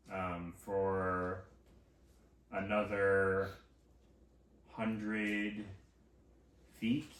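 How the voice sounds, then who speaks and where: A man narrating as game master in a slow, halting way with many pauses and fillers. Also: low-pitched, a bit bright. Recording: roomy, distant mic with faint hiss.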